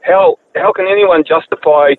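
A man's voice: sits high, normal speed. A man with a New Zealand accent calling in to talkback radio, matter-of-fact as he complains about costs. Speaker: radio caller. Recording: tinny phone line with faint hiss.

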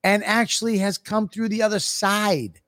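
A man's voice: high voice, fairly even intonation, normal speed, fairly bright tone, no echo, studio quality. A man co-hosting a podcast in casual banter, rambling with stammered restarts and teasing his co-host.

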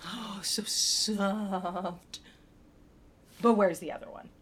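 Brief: woman doing a bossy, shrieking mother in improv, lively range. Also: on the high side, a little slow, exaggerated voice. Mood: frantic. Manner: shrieking, bossy, swinging from loud to hushed. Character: frantic, loud mother fixated on her pillows. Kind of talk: improvised comedy scene.

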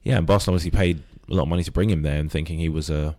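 Deep-voiced fast-talking male pundit. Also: fairly even intonation, mellow. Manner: hedging, full of fillers. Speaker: podcast panelist. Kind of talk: casual football chat.

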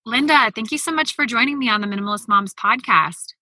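A woman's voice: on the high side, a little fast, sharp tone. A woman hosting a podcast, reading her intro and then interviewing a guest with earnest enthusiasm. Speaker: podcast host.

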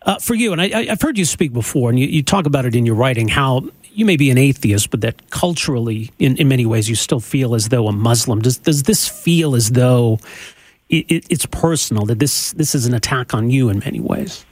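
A man hosting a radio talk show, speaking in a measured, earnest way and stumbling over repeated words when he asks questions. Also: medium pitch, lively intonation, darkish tone, no room sound. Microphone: studio microphone.

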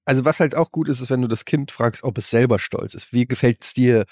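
A man's voice: mid-range voice, quick pace, a little mellow, husky. A man in his forties, a podcast co-host, chatting casually in a crude, ranting way and acting out the voices he quotes. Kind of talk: casual chat.

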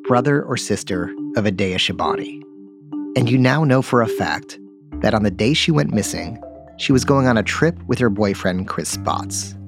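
A man hosting a podcast, narrating a true-crime investigation in a measured, insistent way. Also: on the low side, lively intonation, over music.

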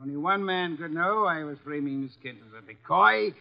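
Pompous, high-voiced detective Nero Wolfe. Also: male voice, normal speed, gravelly. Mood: accusing, forceful. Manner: pompous, formal, precise diction. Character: fat, shrewd, commanding middle-aged male armchair detective. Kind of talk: 1950s radio drama acting. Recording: dull, lo-fi vintage radio recording.

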